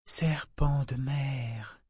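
A man voicing a gentle, troubled young woman bead maker in an audiobook, speaking softly, slowly and searchingly. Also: mid-range voice, dry recording, clean studio sound. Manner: soft, slow and searching.

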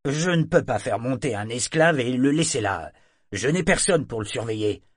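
A man reading an audiobook voices a weary ship's mate who answers curtly and gruffly. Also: mid-range voice, lively intonation, normal speed, no echo, clean studio sound, close to an everyday voice. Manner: gruff, curt.

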